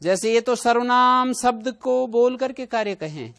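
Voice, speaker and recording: A man with a high, smooth and clear voice teaches a grammar class. He works through rules with everyday examples and keeps asking his students questions as he goes. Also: expressive, moderate pace, a bit bright.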